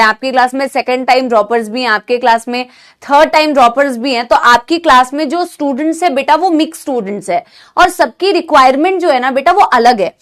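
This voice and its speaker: Young woman, high-pitched, online teacher, sore throat from a cold, affectionate, mixes Hindi and English. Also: fairly bright tone. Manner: motherly, calls students "beta", mixes Hindi and English. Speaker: online NEET biology teacher. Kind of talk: live online class chat.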